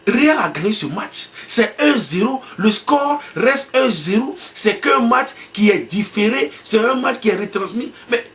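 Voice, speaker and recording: High-voiced man telling an animated story. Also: measured pace, few pauses, slight background noise. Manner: animated storytelling, acts out his own excitement. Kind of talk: sermon illustration told as a story.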